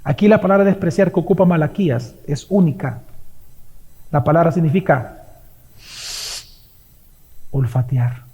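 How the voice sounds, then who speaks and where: Male pastor, high and mellow voice, emphatic sermon in a reverberant church. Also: moderate pace, long pauses, lo-fi sound. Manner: emphatic preaching, swings between loud and hushed. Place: church sanctuary. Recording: long hall reverb.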